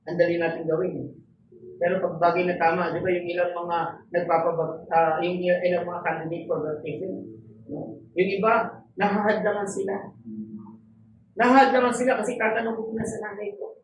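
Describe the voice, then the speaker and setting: A woman's voice: fairly low pitch, level tone, moderate pace, far from the mic, muffled recording, a little hiss or hum. A woman preacher giving a sermon to her congregation. She asks rhetorical questions and stresses key words. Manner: code-switching, rhetorical questions, emphatic. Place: church hall. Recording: roomy hall, off-mic, faint ambience.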